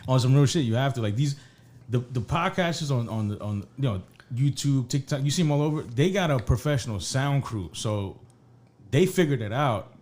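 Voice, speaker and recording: A man co-hosting a casual podcast chat, loud, slangy and profane, close to the mic. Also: mid-range voice, lively intonation, moderate pace. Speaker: podcast co-host.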